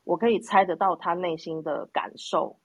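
A woman's voice: on the low side, fairly even intonation, normal speed, no room sound. A woman with a Taiwanese Mandarin accent telling anecdotes in casual chat, quoting bits of dialogue as she goes.

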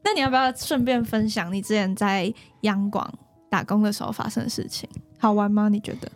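A young woman with a Taiwanese Mandarin accent hosting a podcast, quick and playful with lots of short backchannel replies. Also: mid-range voice, faint music behind. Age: 20s. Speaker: podcast host, campus radio DJ. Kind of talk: casual podcast chat.

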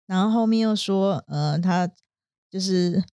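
A woman with a warm, mellow tone co-hosts an English vocabulary lesson. She defines each word patiently, step by step. Her voice is recorded dry and close. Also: medium pitch, a little slow, clean tone, no echo. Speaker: co-host teacher.

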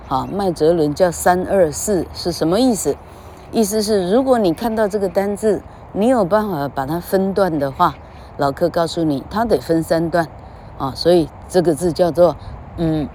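A woman's voice: lowish voice, mellow, a little hiss or hum. A woman giving a comedic mock English lesson, lecturing and singing out long drawn vowels. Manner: lecturing, sings out drawn vowels, tags lines with "哈".

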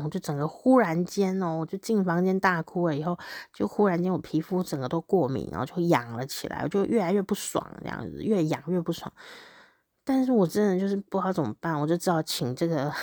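Woman, 30s, podcast diary reader; lowish voice, candid and animated, dry close sound. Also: dry recording. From Taiwan. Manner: animated and candid, with frequent laughs. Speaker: podcast host. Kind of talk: reading a personal diary aloud.

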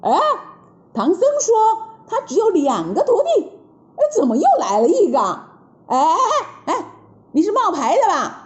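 A woman storyteller voicing a fierce, boastful male cave monster with a shrill, mocking manner. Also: huge pitch swings, a little slow, exaggerated voice. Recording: roomy, dull lo-fi recording.

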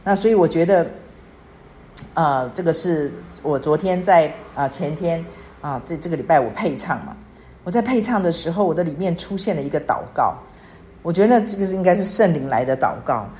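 A woman in her sixties speaks with a low, grounded voice. She teaches in an earnest, pleading way, repeating her phrases as she builds toward prayer. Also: animated, a little fast, a little mellow, a little hiss or hum. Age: 60s. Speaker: church speaker. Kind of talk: devotional teaching.

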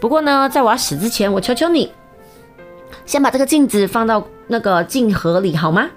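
A woman's voice: a little high, animated, a little fast, faint music behind, voice pushed up, natural voice. A woman voicing a thousand-year-old female fox spirit disguised as a maid, pleading and plaintive. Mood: sorrowful.

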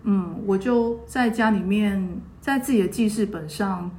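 A woman in her thirties, speaking at an ordinary middle pitch, tells a personal story to her co-host. She slips into other people's voices as she quotes them, and her pitch springs upward each time. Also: measured pace, reverberant. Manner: lively retelling, acting out quoted voices with pitch jumps. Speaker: podcast co-host. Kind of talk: casual storytelling chat.

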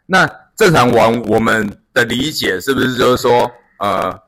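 A podcast co-host, male, tells stories in a casual chat, full of fillers and restarts. His medium-pitched voice is animated and a bit bright, at a normal speed.

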